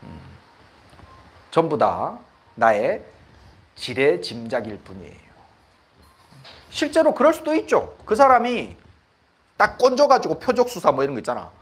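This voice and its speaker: A man's voice: on the high side, huge pitch swings, measured pace, long pauses, breathy edge. A middle-aged Buddhist monk, giving a conversational dharma talk and often checking that his listeners agree. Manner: conversational, asks the audience for agreement; laughs at his own stories.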